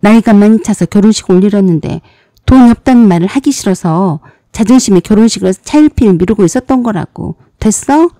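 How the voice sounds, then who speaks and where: A woman's voice: medium pitch, lively intonation, a little fast, mellow, no echo, clean studio sound, natural voice. A woman voicing a proud, defensive younger sister in her forties in a storybook drama, with a sulky, insistent way of pleading. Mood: defiant.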